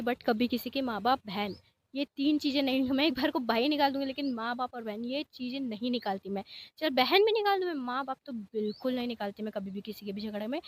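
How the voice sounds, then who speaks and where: Young woman, high voice, casual storytime vlog, exasperated, code-mixing, quotes people sharply. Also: a little hiss or hum. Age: young adult. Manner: animated, exasperated, mixes English words into Hindi. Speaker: vlogger telling a story.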